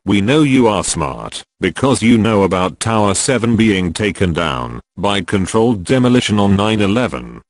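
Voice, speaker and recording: A man's voice disguised and pushed low by an electronic changer, reading a scripted statement in a solemn, declamatory way. The pitch still swings widely from phrase to phrase, and the sound is dry and close with no room around it. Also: very animated, normal speed, few pauses, no room sound. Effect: disguised deep voice, electronically altered.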